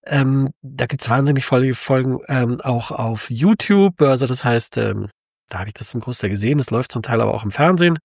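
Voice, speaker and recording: A man's voice: medium pitch, expressive, fairly quick, creaky, darkish tone, no echo, clean studio sound. A man talking in a casual, thoughtful monologue, with many fillers and restarts.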